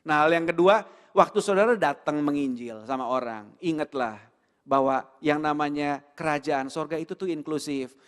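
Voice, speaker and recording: Animated man preaching in a reverberant church hall. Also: fairly high pitch, normal speed, clear, resonant tone. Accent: Indonesian. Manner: animated, mixes English words, rhetorical questions. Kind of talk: sermon.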